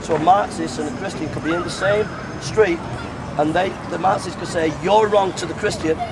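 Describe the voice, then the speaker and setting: This middle-aged man preaches on the street during a debate, talking fairly quickly in a high-pitched, gravelly, steady voice. He pushes assertively, keeps interrupting to take the floor back, and repeats himself, all captured outdoors in a city square amid street noise.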